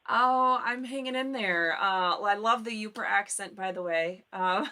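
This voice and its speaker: A woman's voice: medium pitch, unhurried, bright, forceful tone, a little hiss or hum. A woman from Michigan's Upper Peninsula hosting a live call-in show, chatting informally and thinking aloud. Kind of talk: casual live-stream chat.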